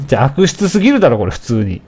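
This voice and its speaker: Animated man doing game commentary. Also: mid-range voice, rapid-fire, breathy edge. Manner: animated, taunts enemies, shouts at the game. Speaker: let's play commentator. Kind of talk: casual gameplay commentary.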